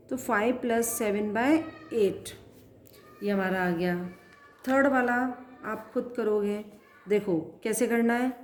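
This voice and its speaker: Slow, patient maths teacher, woman. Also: on the high side, darkish tone, reverberant. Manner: slow and patient, counting aloud and asking pupils questions. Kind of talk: classroom math lesson, writing as she explains.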